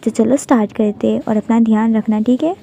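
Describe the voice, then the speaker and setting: A woman casually greets the fans of her dubbing channel and consoles them. Her voice is dark and very flat in pitch, pitched somewhat high. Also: fairly quick, vocal fry. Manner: chatty, consoling. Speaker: fan dub channel host. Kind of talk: casual intro to viewers.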